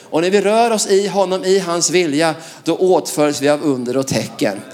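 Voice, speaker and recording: Preacher guy, pretty high voice, fired up and emphatic, keeps tossing in little laughs. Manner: lively and emphatic, laughs between phrases, frequent "va?". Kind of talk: sermon.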